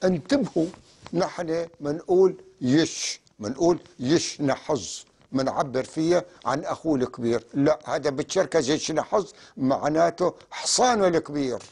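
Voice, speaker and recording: Male teacher, raised pitch, patient and deliberate delivery. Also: gravelly, a little mellow, slightly rough. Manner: slow, deliberate spelling-out of sounds. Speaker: language teacher. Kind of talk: classroom lesson.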